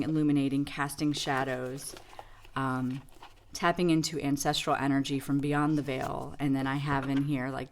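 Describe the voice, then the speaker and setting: A woman's voice: low voice, a little hiss or hum. A woman giving a casual tarot reading demo, reflective and rambling with many fillers. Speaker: tarot reader.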